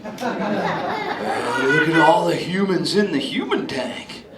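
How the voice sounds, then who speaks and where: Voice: mid-range voice, animated, takes it slowly. A performer voicing a laid-back surfer-dude male sea turtle who chats with a live audience in drawling surfer slang, playful and teasing. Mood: stoked. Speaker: live show character talking with audience. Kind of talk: improvised live audience interaction. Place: indoor theater with live audience. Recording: echoey theater with loud crowd noise.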